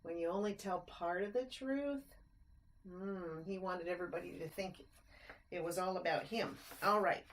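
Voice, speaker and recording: This woman's voice is on the low side and moves at a moderate pace as she reads a rhyming picture book to children. She's expressive, explaining things in chatty asides and posing simple questions.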